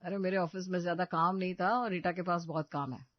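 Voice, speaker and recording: A woman voicing a relaxed young husband from a cartoon story, pitched well below her own voice and speaking in a soothing, unhurried way. The recording is dull and lo-fi, and dry. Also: no room sound, lightly acted. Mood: calm. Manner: easygoing, soothing. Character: young adult man, calm reassuring husband.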